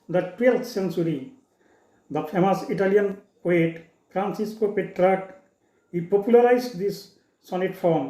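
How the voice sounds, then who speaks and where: A male teacher explains a lesson slowly and deliberately, moving between two languages. His voice sits high but sounds mellow and dark. The recording is roomy and echoey. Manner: switches between Bengali and English, slow and deliberate.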